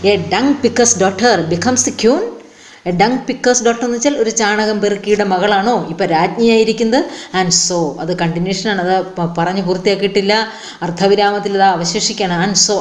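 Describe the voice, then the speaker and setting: A woman teacher who reads each English line slowly and then explains it, word by word, in a bilingual lesson. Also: mid-range voice, a little hiss or hum. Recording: roomy echo.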